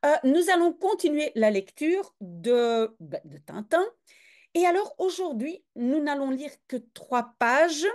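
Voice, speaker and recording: A woman's voice: high voice, sing-song, slow pace, darkish tone. A woman giving a casual reading lesson, translating a comic aloud in a chatty, explaining way with frequent hesitations. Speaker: reader and language teacher.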